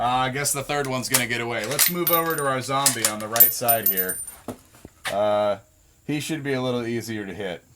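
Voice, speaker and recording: A man's voice: medium pitch, heavy background noise. A man hosting a casual demonstration video at an outdoor shooting range, joking in a laid-back way with frequent ums. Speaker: video host.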